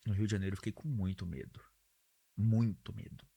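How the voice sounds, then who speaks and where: A man's voice: lowish voice, fairly even intonation, a little fast, vocal fry, dark tone, husky. A man who hosts a podcast, chatting casually with his guest and dropping in slangy interjections. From Brazil (São Paulo). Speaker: podcast host.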